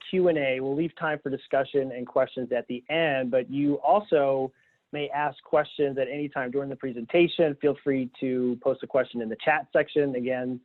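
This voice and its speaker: Guy hosting a zoom webinar, relaxed and upbeat, tinny phone-like sound. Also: mid-range voice. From Philadelphia, Pennsylvania. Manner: relaxed, upbeat, laughs easily. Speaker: webinar host. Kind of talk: hosting a video-call webinar. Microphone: video call. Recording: tinny phone-like call audio.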